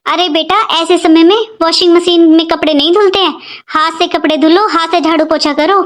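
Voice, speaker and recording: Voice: extremely high pitch, steady tone, a little fast, fairly bright tone. A performer voicing a harsh, bossy middle-aged mother-in-law who taunts her daughter-in-law in a cartoon story. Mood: scolding. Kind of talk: animated cartoon voice acting.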